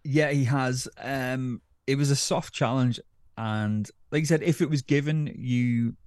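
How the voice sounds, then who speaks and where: A man's voice: medium pitch, steady tone, a little slow, darkish tone, no echo, studio quality. A man co-hosting a casual football podcast, easygoing and hedging his opinions. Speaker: podcast co-host.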